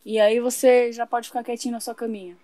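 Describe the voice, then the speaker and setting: A kind toy father, gentle and a little fussy about his son, voiced by a woman. The voice stays high for a dad, and the sound is dry. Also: flat delivery, fast, dry recording, lightly acted.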